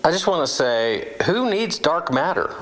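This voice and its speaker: A man's voice: on the high side, very animated, a little slow, fairly bright tone, slight background noise, low-quality recording. A man leaving a joking, cheering voicemail for the hosts, played back on air. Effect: voicemail message played back on air. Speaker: listener caller.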